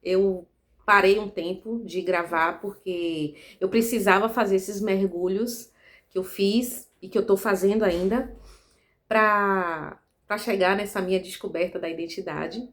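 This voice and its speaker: A woman from Salvador, speaking in an earnest, measured way in a reflective monologue to camera, often tagging her sentences with "né". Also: medium pitch, fairly even intonation. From Salvador, Bahia, Brazil. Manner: earnest, measured, frequent "né" tag questions. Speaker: self-development vlogger.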